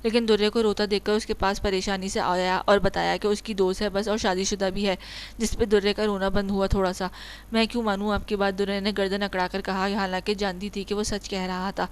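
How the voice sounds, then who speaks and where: Woman, audiobook narrator, romance novel reading, smooth voice, flat pitch. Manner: steady reading with small slips and self-corrections.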